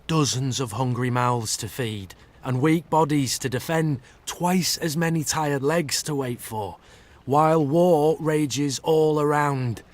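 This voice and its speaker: Shrewd hushed rogue, voiced by a male storyteller, unhurried. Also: a little high, pitched above the performer's own voice. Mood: wary. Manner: hushed, measured, dry. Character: shrewd calculating male bandit advisor.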